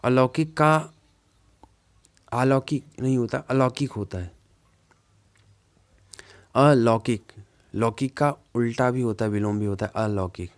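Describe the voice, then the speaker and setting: A male teacher works through exam questions in a relaxed, informal way. He repeats each word several times, drawing it out as he reasons toward the right answer. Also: medium pitch. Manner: repeats words slowly while working out answers; informal, says "yaar" to himself. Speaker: Hindi teacher. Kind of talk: exam-prep lesson, thinking aloud.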